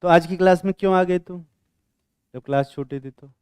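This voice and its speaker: A man's voice: high-pitched, moderate pace, a little mellow, no echo. Blunt, teasing male chemistry teacher. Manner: blunt, teasing, quizzes students with rough slang. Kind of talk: classroom lecture with questioning. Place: classroom with students.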